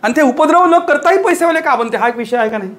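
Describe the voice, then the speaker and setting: A teacher with a very high, expressive, fast and slightly bright voice delivers a motivational lecture to a live audience. He fires off rhetorical questions and drives his points home through repetition.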